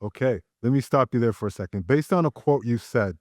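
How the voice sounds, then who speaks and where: A man's voice: mid-range voice, brisk, a little mellow, no echo, clean studio sound. A man hosting an interview podcast, asking loose, upbeat questions with fillers, recorded in an art gallery. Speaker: podcast host. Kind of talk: casual interview.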